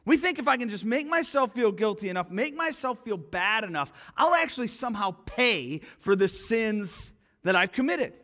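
A man preaching a sermon as pastor, telling personal stories with animated dialogue and dropping to a quiet hush for solemn points. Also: high-pitched, moderate pace. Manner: animated storytelling, acting out both sides of a quarrel.

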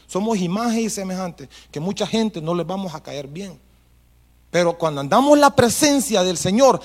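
A male preacher giving a language sermon. He tells a story softly, then builds to loud, repeated calls to the congregation. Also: high-pitched. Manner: rises to loud repeated exhortations, then drops to soft storytelling.

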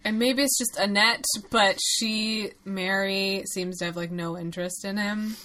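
A woman's voice: medium pitch, fairly even intonation, measured pace, bright, forceful tone. Chatty woman co-hosting a movie podcast. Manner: chatty, lots of fillers and laughs. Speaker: podcast co-host. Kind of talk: casual chat about a movie.

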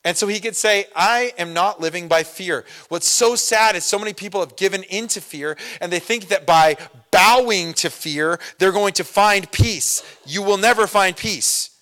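A man's voice: sits high, moderate pace, hardly any pauses. Casual conversational preacher man. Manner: conversational preaching, many fillers and asides; swings from loud emphasis to soft storytelling. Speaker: pastor. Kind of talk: sermon.

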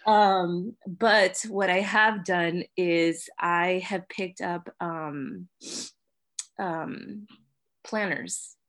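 A young woman sharing her personal story at church, hesitant and full of fillers, with soft laughs. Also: lowish voice, steady tone, drawn-out words. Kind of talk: personal testimony.

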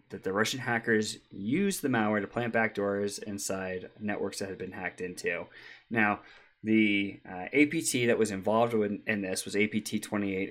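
Low-voiced guy cohosting a tech podcast, chatty, lots of ums and laughs. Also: fairly bright tone. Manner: chatty, laughs easily, many ums and restarts. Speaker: podcast co-host. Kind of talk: casual tech podcast chat.

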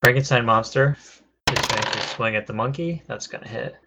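A man's voice: medium pitch, fairly even intonation, a little fast, heavy background noise. A man narrating a tabletop game as game master, talking loosely with fillers.

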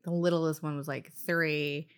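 A woman's voice: deep voice, little pitch movement, measured pace, smooth. A woman in her thirties co-hosting a podcast, talking casually with frequent fillers and giggles. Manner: chatty, giggly, lots of "like". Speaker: podcast co-host. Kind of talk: casual chat.

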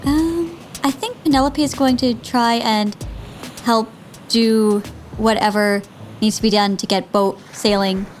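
Hesitant higher-voiced woman game player. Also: steady tone, unhurried, soft background music. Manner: hesitant, tentative. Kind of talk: casual role-play chat.

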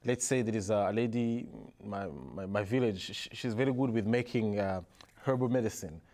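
Man from Rwanda, low voice, easygoing interview guest who tells stories. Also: moderate pace. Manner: relaxed storytelling with frequent restarts and soft laughs. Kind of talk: casual interview conversation.

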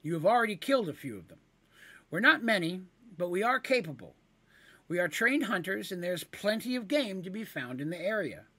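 A quick-witted little huntress with a raised, high voice, as a man puts her on. She coaxes and bargains fast in a fantasy audio tale. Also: sing-song, sharp tone, heavily acted. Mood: coaxing. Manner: quick, coaxing. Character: quick-witted small woman hunter.

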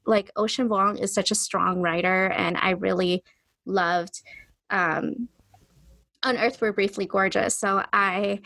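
A woman's voice: mid-range voice, vocal fry, fairly bright tone, no room sound. A woman co-hosting a casual podcast, chatting informally and often saying "like". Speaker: podcast co-host.

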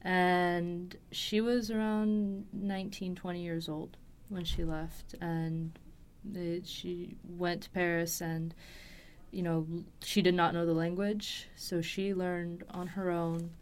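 A woman in her 20s from Los Angeles, USA, speaks slowly in a fairly low, clean voice with little pitch movement. As an interview guest in a recording studio, she tells a personal story, hesitantly piecing her thoughts together.

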